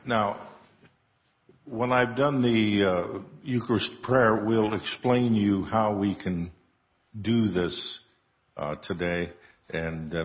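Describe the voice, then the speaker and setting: A man presiding as priest, reciting the liturgy solemnly in a church with a cathedral echo. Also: low voice. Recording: cathedral-like echo, long reverb, muffled sound.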